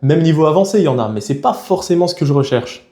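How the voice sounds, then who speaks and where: A man's voice: a little high, lively intonation, quick pace, warm tone, roomy sound. A young man from France talking frankly and casually to camera in a vlog, with a chatty, slangy way of speaking. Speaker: YouTuber.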